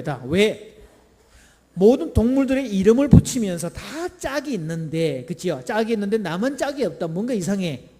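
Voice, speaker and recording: A middle-aged male pastor preaching a lively sermon, playfully quizzing the congregation and having them repeat phrases after him. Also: sits high. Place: church sanctuary. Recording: church hall reverb.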